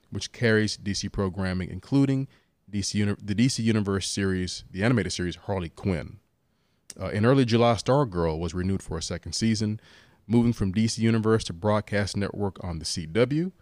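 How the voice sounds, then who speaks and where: A man's voice: lowish voice, a little mellow, no echo. A man co-hosting a comics podcast, recapping industry news in casual chat. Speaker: podcast co-host.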